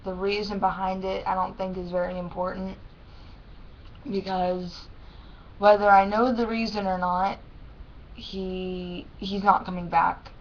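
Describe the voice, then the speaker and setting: A young adult woman with a lisp and thick, swollen-tongue speech, talking haltingly and plainly in a casual personal vlog. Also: medium pitch, level tone. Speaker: vlogger. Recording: dull lo-fi sound with faint noise.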